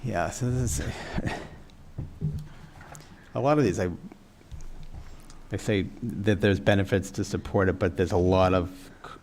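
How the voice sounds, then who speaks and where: A man's voice: deep voice, unhurried, pauses often, darkish tone, slight background noise. A man on a school committee explaining a resolution in a careful, explanatory way. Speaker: committee member. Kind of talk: meeting discussion.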